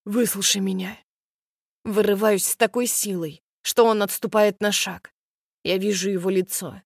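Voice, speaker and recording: A woman reads a first-person story aloud, tense and breathless in the telling. Her voice sits at a middle pitch and the recording is dry and close, with no room around it. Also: steady tone, moderate pace, dry recording. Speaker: audiobook narrator. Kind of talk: first-person scripted narration.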